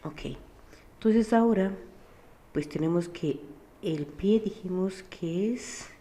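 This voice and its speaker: A woman's voice: fairly low pitch, takes it slowly, dark tone. A woman teacher, patiently explaining a physics lesson and often checking that her students follow. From Mexico. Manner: patient, keeps checking with a questioning "sí?".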